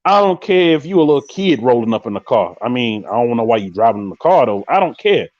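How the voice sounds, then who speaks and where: A man hosting a live podcast, chatting casually and telling stories in a slangy, animated way, acting out quoted lines. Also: mid-range voice, quick pace, highs cut off. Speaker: podcast host. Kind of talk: casual live-stream chat.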